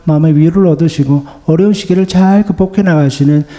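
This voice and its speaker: Gentle high-voiced pastor in a reverberant church. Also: male voice, fast talker. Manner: gentle, voices the Lord's comforting words. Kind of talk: sermon. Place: church sanctuary.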